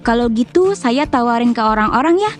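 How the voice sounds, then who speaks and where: A woman's voice: fairly high pitch, animated, brisk, faint music behind, close to an everyday voice. A woman voicing a grasping middle-aged aunt who talks about her commission in a matter-of-fact, wheedling way.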